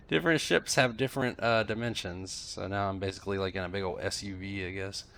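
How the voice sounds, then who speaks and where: A man's voice: sits low, fast talker, gravelly, a bit bright. A man with a stuffed-up voice from a cold, casually thinking aloud as he comments on his gameplay. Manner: musing, thinking aloud while flying.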